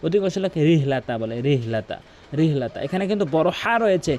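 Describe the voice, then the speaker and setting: A man teaching Quran recitation in a lesson, explaining each sound and then chanting the verse slowly. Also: fairly high pitch, expressive, a little mellow, highs cut off.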